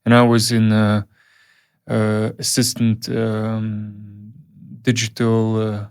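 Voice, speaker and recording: A man's voice: on the low side, monotone, clear, resonant tone. A man, a film director telling stories in a casual interview, full of fillers and restarts. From Uyghur region, Central Asia. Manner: halting, many fillers and restarts.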